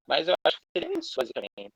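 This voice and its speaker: A young man with a Brazilian Portuguese accent introducing himself as a teacher in an online class, earnest and halting with frequent restarts. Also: fairly high pitch, huge pitch swings, a bit bright, breathy edge, dry recording, rough recording.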